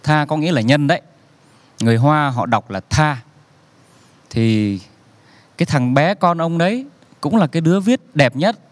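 A male comedian tells a joke in an easygoing, storytelling way, slowing down for effect. His voice sits somewhat high, and it is recorded close and dry with almost no room sound. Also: dry recording. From Vietnam. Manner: relaxed storyteller, slows for effect, acts out characters' lines.

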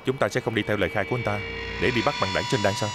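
A man's voice: fairly low pitch, very fast, lightly acted. A man doing an eager junior cop. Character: earnest young male junior police partner. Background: background music.

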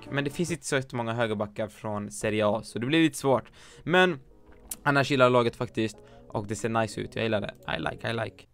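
A man's voice: mid-range voice, a bit bright. A man reviewing viewers' football game teams in casual commentary, blunt and joking, swearing often and mixing in English slang. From Sweden. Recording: faint music behind.

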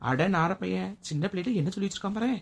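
A woman talks very fast in a family comedy skit. She plays a sister-in-law who grumbles and makes sarcastic asides. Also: on the low side, creaky. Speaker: comedy sketch performer.

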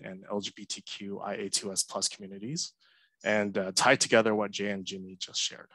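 Flat-voiced man giving an earnest talk. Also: lowish voice, dry recording, rough recording. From Hong Kong. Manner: earnest, measured, frequent uh fillers. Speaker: conference speaker. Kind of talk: prepared talk. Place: home room, indoors. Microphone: headset mic on a video call.

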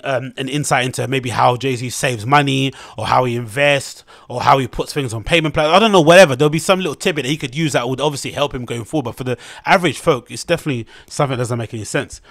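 Fast, blunt London man ranting. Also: medium pitch, fairly bright tone, no echo, studio quality. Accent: London English. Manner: blunt, opinionated, rambling with many fillers and restarts. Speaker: podcast host. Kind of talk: casual commentary on a news article.

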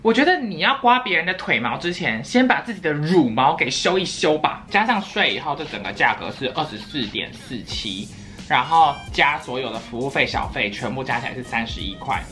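A woman's voice: low voice, very animated, a little fast, fairly bright tone, faint music behind. A young woman, chatting playfully in a casual eating vlog at home and breaking into silly sing-song voices. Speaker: vlogger.

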